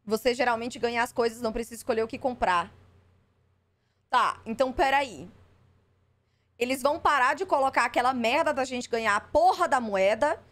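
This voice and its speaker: Skeptical high-voiced streamer woman. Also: moderate pace, a bit bright. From Brazil. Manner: skeptical, exasperated, swears freely. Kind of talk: live stream reaction.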